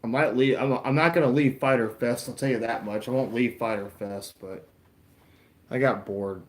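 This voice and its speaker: A man's voice: mid-range voice, fairly even intonation, moderate pace, echoey room. A man in his late twenties, chatting casually and rambling to viewers while watching a wrestling show live, answering chat and poking fun at himself. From Florida. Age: 20s. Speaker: YouTuber streaming a wrestling watch-along.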